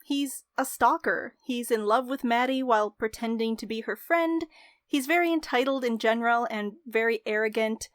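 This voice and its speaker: Dry-recorded, higher-voiced young woman reviewer. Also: moderate pace, no echo. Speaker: video essayist, game reviewer. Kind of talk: scripted review narration.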